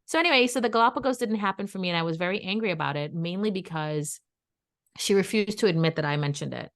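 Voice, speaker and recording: A woman co-hosting a podcast, telling a personal story in casual chat and acting out what others said. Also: fast talker. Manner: animated, acts out quoted dialogue in pitched-up voices; chatty and emphatic, addresses listeners as "guys". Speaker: podcast co-host.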